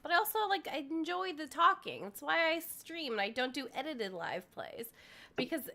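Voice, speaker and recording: A woman with a high, bright voice hosts a casual board game live stream. She chats freely, laughs often and calls out viewers by name. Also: very animated, normal speed, vocal fry. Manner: chatty, laughs often, greets chat by name.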